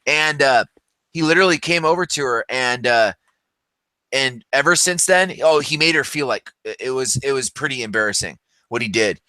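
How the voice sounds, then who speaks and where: A man's voice: mid-range voice, lively intonation, normal speed, pushed and bright, dry recording. A man in his thirties telling stories in casual chat, rambling with many fillers and restarts. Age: 30s. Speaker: podcast co-host.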